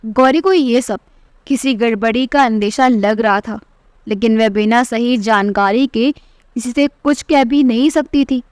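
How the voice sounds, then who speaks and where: A woman narrating a scripted family story in an even, measured way. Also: on the high side, clean tone, no echo.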